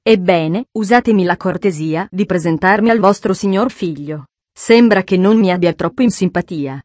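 A woman's voice: lowish voice, normal speed, a little mellow, no echo, close to an everyday voice. Woman playing the sneering Frenchman Blandois. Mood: mocking. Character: boisterous sinister Frenchman, loud and mocking.

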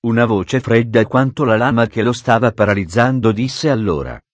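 A man's voice: mid-range voice, normal speed, no echo. Man reading a story in a dry voice. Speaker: narrator.

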